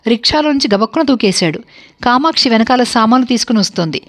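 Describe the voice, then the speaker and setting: A woman narrating a family story for an online video in a calm, steady manner. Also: fairly high pitch, quick pace.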